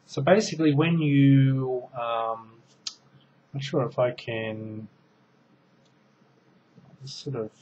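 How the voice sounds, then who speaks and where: A man in his thirties talks slowly and loosely as he shows off a small gadget, filling gaps with ums and restarting sentences. His voice comes through a dull, lo-fi webcam mic in a small room, with a faint hiss underneath. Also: medium pitch, steady tone, a little mellow. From Australia. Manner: rambling, many ums and restarts, hands busy with gadget. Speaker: product reviewer. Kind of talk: casual show-and-tell review. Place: small room indoors at home. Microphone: webcam mic at close range.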